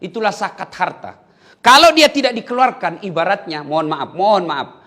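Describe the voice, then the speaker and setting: A man preaching an Islamic sermon in an animated, joking, storytelling way. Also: high-pitched, moderate pace. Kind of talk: humorous sermon.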